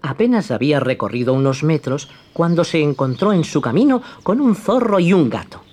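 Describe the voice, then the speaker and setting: A narrator reading a fairy tale aloud with an expressive storytelling cadence. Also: medium pitch, normal speed, soft background music.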